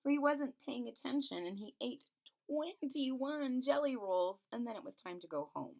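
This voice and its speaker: A high-pitched, animated woman with some vocal fry reads a children's picture book at normal speed. She performs it expressively and pauses to add simple explanations, much as a teacher would.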